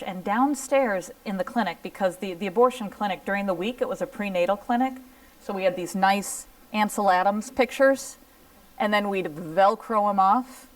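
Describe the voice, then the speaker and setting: A woman's voice: medium pitch, normal speed, no echo, distant mic, poor audio. Earnest woman telling her story from afar. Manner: earnest storytelling, acts out quoted dialogue. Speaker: speaker giving a talk. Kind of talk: personal testimony talk. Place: lecture room.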